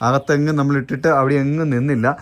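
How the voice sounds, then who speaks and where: A woman's voice: rumbling low, steady tone, quick pace. A woman chatting casually in a home vlog, teasing and coaxing small children outdoors and then inside the house. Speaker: family vlogger.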